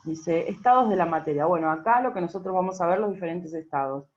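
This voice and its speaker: A woman teacher walks students through a worksheet. She talks patiently and keeps checking in with the class. Her voice sits slightly low, and the recording sounds dull and lo-fi. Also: fast talker, darkish tone, a little hiss or hum.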